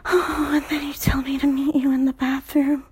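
A young adult woman telling an intimate story in a soft, breathy whisper, broken up by sighs. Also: high-pitched, little pitch movement, normal speed, no room sound.

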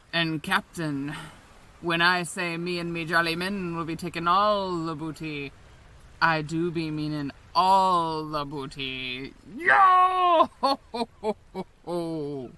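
A woman's voice: lowish voice, pushed and bright, heavily acted. A woman voicing a bawdy, domineering female pirate captain in a stage-pirate brogue with growled arrs, mocking and commanding. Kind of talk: adult audio roleplay.

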